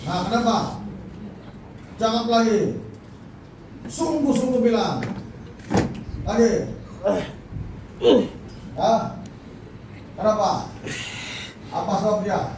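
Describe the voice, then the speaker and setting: A man's voice: high-pitched, animated, takes it slowly, pauses often. A male pastor leading a deliverance prayer, pressing the person with repeated questions. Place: church hall. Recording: very echoey distant church recording with noise.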